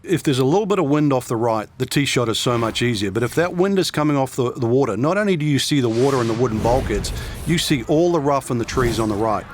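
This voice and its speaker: A man's voice: medium pitch, animated, fast. A man explaining golf shots as a broadcast analyst, speaking directly to the listener. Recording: noisy outdoor ambience.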